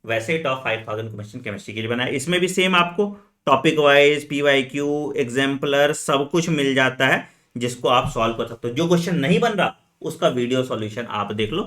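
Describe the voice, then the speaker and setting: A man coaching medical entrance students in an energetic, chatty lesson, talking straight to them and dropping frequent fillers. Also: medium pitch, a little fast. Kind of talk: energetic exam-strategy lesson, chatty Hinglish.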